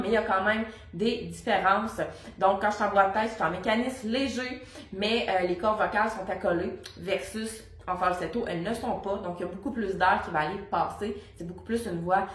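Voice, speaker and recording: Speaking in a roomy, echoing space, this young Québécois voice coach gives a vocal lesson to camera. Her mid-range, slightly bright voice explains technique casually, full of fillers, with short sung demos mixed in.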